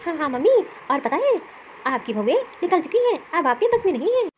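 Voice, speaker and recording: A woman's voice: very high-pitched, very animated, brisk, highs cut off, a little hiss or hum. A woman voicing a scheming young daughter in a cartoon story, gleeful and sly.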